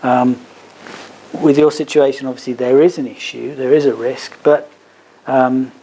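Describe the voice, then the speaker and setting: This advocate, a man leading a legal seminar at a business hub, responds to questions hesitantly as he explains. His mid-range voice is dark in tone, fairly even and unhurried, and the poor audio carries faint background noise.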